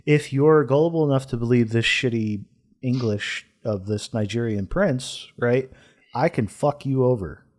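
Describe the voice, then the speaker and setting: A man from the United States chatting on a podcast, loose and hesitant, often restarting and swearing in passing. His voice sits in a middle pitch for a man. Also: measured pace, darkish tone. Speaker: podcast co-host. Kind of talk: casual chat.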